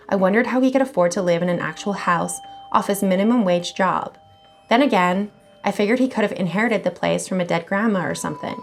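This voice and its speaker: A woman hosting a channel where she reads scary online stories aloud, expressive and casual, swearing now and then. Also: medium pitch. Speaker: horror story channel host.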